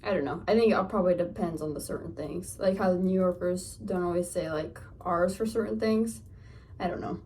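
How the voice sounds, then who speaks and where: Her voice lowish, dark, and a little quick, a young Northern California lifestyle vlogger with a Californian accent chats through a get-ready-with-me session at home. She rambles with plenty of fillers, sounding slightly off-mic and distant on her phone camera.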